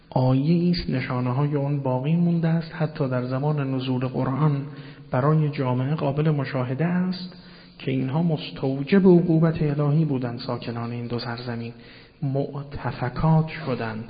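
A man giving a religious lecture, explaining word meanings patiently and addressing his listeners politely, often repeating key terms. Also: mid-range voice. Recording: dull sound with long hall reverb.

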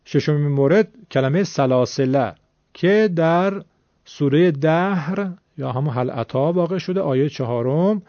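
A man's voice: fairly high pitch, dark tone, no echo. A man teaching a recitation lesson, explaining the rules patiently and repeating words so learners can follow. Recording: dull lo-fi sound.

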